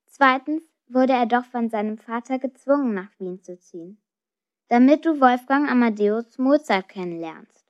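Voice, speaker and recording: Woman, storybook reading, expressive, fairly high voice, dull lo-fi recording. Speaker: narrator.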